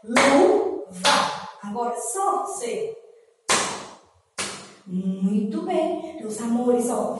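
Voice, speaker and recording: Woman, preschool teacher, high and unhurried, recorded from afar with long reverb. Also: a little mellow, a little hiss or hum. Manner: drawn-out syllables, counting and asking questions. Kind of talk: slow, sing-song classroom lesson for young children. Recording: echoey room from far off.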